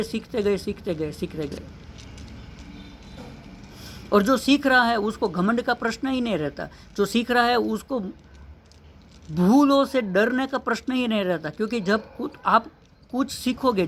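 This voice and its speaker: A man's voice: sits high, a little hiss or hum. A man, an English teacher, giving an earnest motivational lesson, asking rhetorical questions and repeating key phrases.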